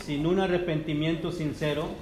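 Preacher man, higher voice. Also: steady tone, normal speed, a little mellow. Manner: conversational, jokes with the congregation. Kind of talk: sermon. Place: church service.

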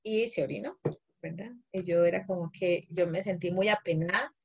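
A woman's voice: lowish voice, moderate pace, creaky, slightly rough, muffled recording. A woman with a Costa Rican accent, speaking as a parent in an interview. She talks casually and keeps tagging her sentences with "¿verdad?", often laughing between phrases. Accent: Costa Rican Spanish. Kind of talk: casual personal account.

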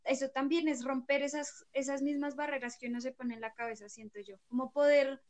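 A woman, co-hosting a casual chat and asking lively, curious questions. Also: sits high, fairly quick.

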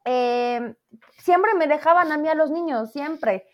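Woman, math teacher guest, high voice, chatty and self-mocking, slightly muffled audio. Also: slow. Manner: chatty, self-deprecating, animated storytelling. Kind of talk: casual interview chat.

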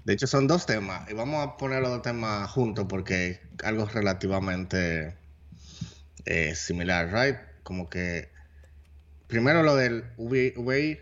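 A podcast co-host with a Dominican accent chats loosely, sprinkling English words into his speech. His voice is on the low side and fairly bright, at a normal speed. The audio sounds dull.

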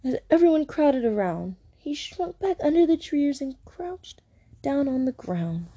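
Animated woman reading a picture book. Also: sits high, a little slow. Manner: animated, playful, expressive storytelling. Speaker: parent reading to a small child.

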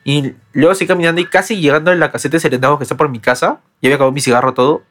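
A young man in his twenties with a Peruvian accent, telling a personal story in casual podcast chat, animated and full of restarts. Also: on the high side. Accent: Peruvian Spanish. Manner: fast, animated anecdote-telling with many restarts. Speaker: podcast co-host.

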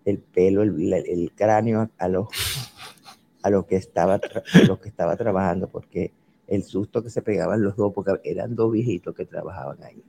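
Reminiscing man with a mellow voice. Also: low-pitched, steady tone, creaky, slightly rough. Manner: slow, reminiscing, repeats words. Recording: faint background noise.

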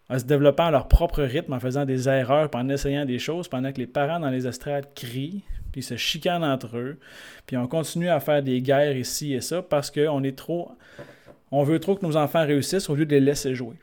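A man with a Québécois accent, a sports coach telling anecdotes in a conversation and acting out the people in them. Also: medium pitch. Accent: Québécois French. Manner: lively storyteller who acts out the people in his stories. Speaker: sports coach and guest speaker.

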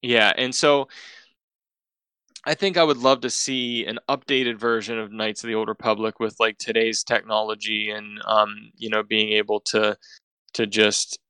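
A man's voice: fairly low pitch, flat delivery, a little slow, sharp tone, smooth, no echo. A man co-hosting a podcast, chatting in an easygoing way with stammering restarts. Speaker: podcast co-host. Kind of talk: casual chat.

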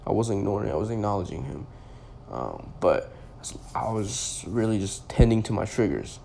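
Low-voiced young man rambling casually. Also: lively intonation, normal speed, creaky, dark tone, slight background noise. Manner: rambling, heavy use of "like" and restarts. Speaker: podcast host. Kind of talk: casual personal storytelling.

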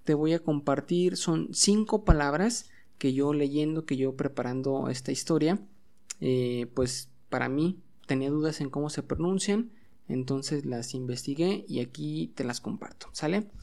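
Measured in pace, this man's fairly high voice carries vocal fry and a darkish tone. He hosts a home-recorded bilingual podcast lesson as an English teacher, calmly going over vocabulary and asking listeners to say it back.

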